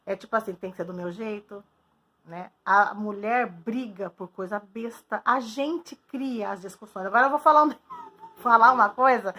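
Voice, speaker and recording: A young adult woman from Brazil in a casual, frank monologue to her viewers, chatty and quick to laugh. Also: a little high, a bit bright. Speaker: vlogger.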